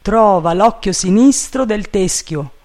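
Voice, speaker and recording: Man voicing an excitable gentleman, commanding, loud, storybook reading. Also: high voice, measured pace, pitched above the performer's own voice. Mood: urgent. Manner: urgent, commanding, raised voice. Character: excitable, impatient male gentleman giving orders.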